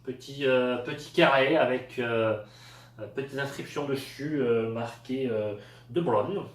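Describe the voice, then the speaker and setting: A man's voice: medium pitch, a little slow. A man from France reviewing cheap store products in a casual, hesitant way, with lots of fillers. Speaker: product tester. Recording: echoey room, voice a bit far from the mic.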